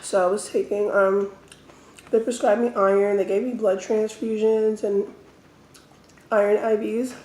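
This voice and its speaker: Mellow woman chatting in an echoey room. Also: mid-range voice, level tone, a little slow, pauses often, slight background noise. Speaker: mukbang host. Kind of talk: casual storytelling while eating. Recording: roomy, echoey indoor sound.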